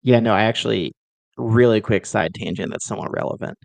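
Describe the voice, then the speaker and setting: Low, creaky man pitching a movie eagerly. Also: fairly quick, dry recording. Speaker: podcast co-host pitching a movie. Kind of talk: casual movie pitch discussion.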